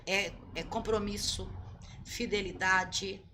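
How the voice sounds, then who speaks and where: A woman's voice: mid-range voice, fairly even intonation, slow pace, sharp tone, a little hiss or hum. A woman pastor giving earnest, teaching answers in an interview, often repeating her key points. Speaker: pastor, guest. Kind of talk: sermon-like answers in a podcast interview.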